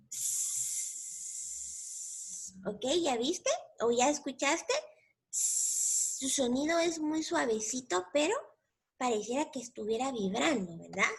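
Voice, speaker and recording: Slow, high-voiced patient woman teacher. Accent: Mexican Spanish. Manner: slow, patient, repeats each word in English and Spanish. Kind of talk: bilingual English lesson for young children.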